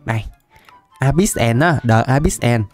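A young man, chatting casually as he plays a game, laughing often and repeating words in quick bursts. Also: mid-range voice, faint music behind. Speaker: gaming YouTuber. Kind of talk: casual Minecraft let's-play commentary.

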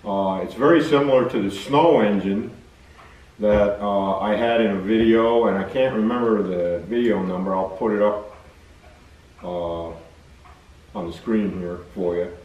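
Older man, halting shop-floor welcome. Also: lowish voice, distant mic, muffled recording. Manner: halting, many uh fillers, easygoing. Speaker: machine shop owner and video host. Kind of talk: casual talk to camera. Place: large old machine shop, indoors. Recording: roomy shop sound, away from mic.

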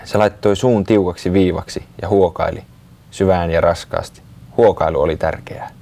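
A man reading a children's story aloud in a calm, unhurried way. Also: low voice, vocal fry.

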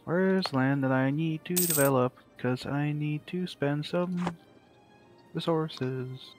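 Speaking slowly in a voice on the high side, a man chats casually with fellow players in a multiplayer strategy game, music playing under him. He thinks out loud and explains how the game's mechanics work.

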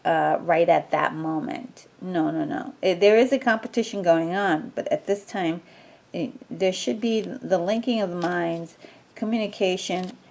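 A woman's voice: fairly low pitch, measured pace, vocal fry, a little mellow. A woman giving a casual tarot reading, talking in a rambling way with many fillers and restarts. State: sneezing from allergies. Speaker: tarot reader.

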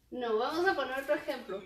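A woman teacher giving a lesson, speaking slowly and checking in with rhetorical questions. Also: high voice. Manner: slow, repeats examples and asks rhetorical checks. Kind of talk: recorded classroom lesson. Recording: echoey room.

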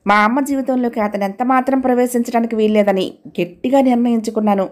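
A woman's voice: fairly high pitch, fairly even intonation, quick pace. Woman reading a story aloud.

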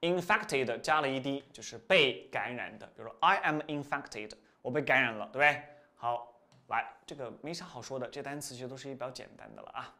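Brisk and mid-range, this male teacher's voice runs through word roots in a recorded vocabulary lesson, repeating things energetically. His pitch frequently climbs for emphasis, and his phrases tend to fade out at the end.

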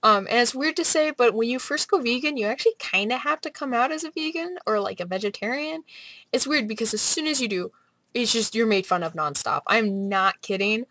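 High-voiced young woman chatting casually. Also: expressive, fairly quick, a bit bright. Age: young adult. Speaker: vlogger. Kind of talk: casual rambling vlog chat. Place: small bright room at home, indoors.

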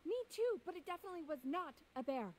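A woman's voice: very high-pitched, animated, quick pace, darkish tone, a little hiss or hum, low-quality recording. Emma, a blunt swearing young woman. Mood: tense. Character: scared, foul-mouthed young woman lost in woods. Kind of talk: video game dialogue.

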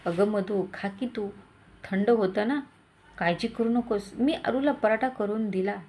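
A woman's voice: mid-range voice, measured pace, a little mellow, lightly acted. A woman voicing a caring older mother-in-law, speaking in a bossy yet tender way.

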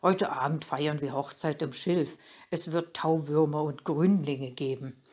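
A gossipy wild duck chatters and teases, as a woman reading a storybook puts her on. Her voice is breathy and her pace is slow. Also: sits low, a little mellow. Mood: teasing. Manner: chattering, teasing.

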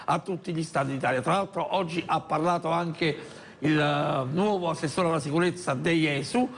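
A man, hosting a live sports talk show in a halting manner. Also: fairly high pitch, slight background noise. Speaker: TV host. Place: TV studio. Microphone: lapel.

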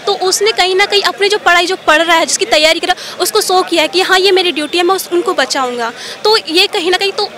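Young woman with a very high bright voice. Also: fast talker, hardly any pauses. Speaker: student protester. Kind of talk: street interview. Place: outdoor city street protest.

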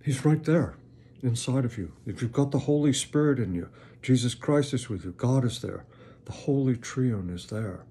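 A man's voice: medium pitch, expressive, normal speed, dark tone, slightly rough. A man hosting a Bible reading, giving earnest, plain-spoken devotional commentary and reading scripture aloud.

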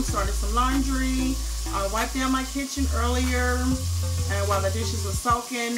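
A woman, chatting casually to her viewers while she cleans her small home kitchen and living room. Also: a little high. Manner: chatty, talks straight to the viewers. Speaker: cleaning vlogger. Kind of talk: casual vlog chat.

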